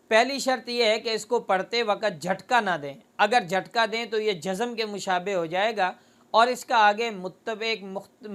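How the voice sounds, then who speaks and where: A man teaching Quran reading. He explains pronunciation and draws out each syllable slowly to demonstrate it. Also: high-pitched, fairly bright tone. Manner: slow, drawn-out demonstration of syllables between explanations. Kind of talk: explanatory lesson.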